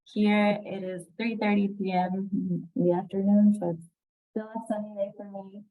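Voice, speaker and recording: A woman hosting an online event, friendly and unhurried, with fillers like "um". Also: medium pitch, little pitch movement, phone-quality sound. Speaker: event host. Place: Costa Rica.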